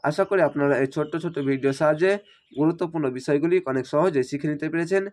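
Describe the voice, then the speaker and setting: A man with a somewhat high voice teaches recitation, breaking words into letters and vowel marks. He explains slowly and repeats himself with patience. His voice sounds a little strained, as if he is slightly unwell. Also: darkish tone. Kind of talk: spelled-out recitation lesson.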